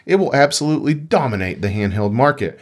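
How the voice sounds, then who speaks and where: A podcast co-host with a medium-pitched, animated voice chats casually about video games at a quick pace. He's enthusiastic and emphatic, informal to the point of swearing.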